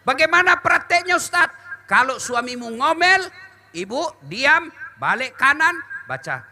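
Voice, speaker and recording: A man's voice: very high-pitched, unhurried, slight background noise. A middle-aged man preaching a humorous sermon, joking and acting out little scenes for the crowd. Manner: jokey, animated, with sung verses and acted quotes.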